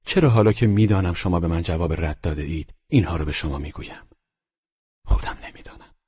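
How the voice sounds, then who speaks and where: Man doing an aging doctor, earnest, gentle, hushed near-whisper, very deep, husky. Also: no room sound, dull audio. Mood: tender, confiding. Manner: speaks softly, often in a hushed whisper.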